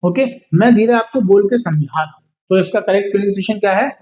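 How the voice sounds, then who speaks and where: A man with an Indian accent, a native Hindi speaker, teaching a spoken English lesson and slowly repeating English phrases for learners to copy. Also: high-pitched, a little mellow, lo-fi sound, slight background noise. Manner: slow drilled repetition of English phrases.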